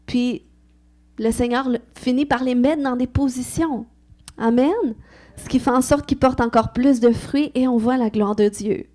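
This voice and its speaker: A woman's voice: a little high, steady tone, unhurried, mellow. A woman with a Québécois French accent, preaching an earnest, conversational sermon with frequent amens.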